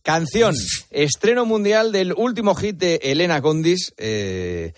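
A man hosting a comedy radio show, chatty and quick to laugh. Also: sits high, animated, no room sound, clean studio sound.

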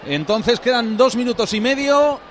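A man's voice: very high-pitched, expressive, normal speed, fairly bright tone, slight background noise. A man with an accent from Spain giving a live radio update from a football match. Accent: Spanish from Spain. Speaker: match reporter.

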